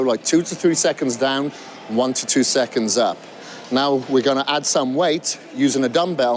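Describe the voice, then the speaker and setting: A man's voice: medium pitch, a little hiss or hum. Man coaching a gym workout. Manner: coaching, demonstrating exercises while talking. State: out of breath at times. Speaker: fitness trainer.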